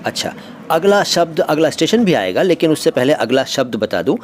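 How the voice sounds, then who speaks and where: A man teaching words in a relaxed vlog style, his voice rising and falling with lively intonation. He pauses and hesitates as he explains. Recorded on a phone aboard a train, with a faint hum of noise underneath. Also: on the high side. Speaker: language teacher and channel host. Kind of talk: casual vlog-style vocabulary lesson. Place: inside a moving train.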